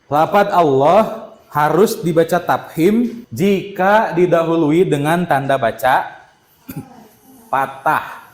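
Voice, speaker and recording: A man's voice: fairly high pitch, slow pace, long pauses. A young man teaching a primary school religion class in a classroom, drilling the pupils with call-and-response. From Indonesia. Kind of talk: classroom lesson. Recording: echoey classroom.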